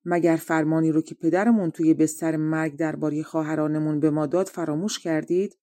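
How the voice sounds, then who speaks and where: A woman's voice: low-pitched, fairly even intonation, warm tone, lightly acted. A woman voicing a resolute youngest brother who speaks firmly and reproaches his older brothers. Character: resolute youngest prince, loyal to dying father's word.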